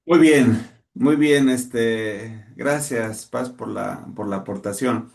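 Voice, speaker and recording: A man, the instructor moderating an online class, speaking haltingly with many fillers. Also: mid-range voice, gravelly, darkish tone.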